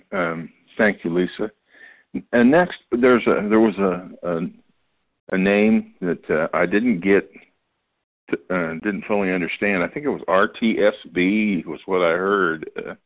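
Male meeting chair, lowish voice, hesitant informal moderating, tinny phone sound. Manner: hesitant, halting.

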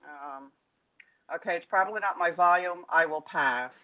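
Soft-spoken woman calling in to a group meeting, sounding like she's inside a tin can over a thin phone line. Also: lowish voice, moderate pace. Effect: tinny, muffled sound as if talking inside a tin can. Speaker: meeting member sharing.

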